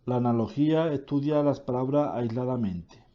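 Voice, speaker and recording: A man reading a grammar lesson aloud, slowly and deliberately, correcting himself now and then. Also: mid-range voice, highs cut off.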